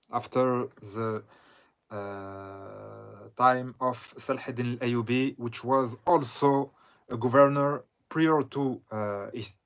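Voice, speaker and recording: This is a man lecturing as an Islamic scholar at a very slow, deliberate pace. His voice sits at an ordinary middle pitch for a man. He talks haltingly, with frequent pauses and self-corrections. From southern Lebanon. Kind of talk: lecture commenting on a read text.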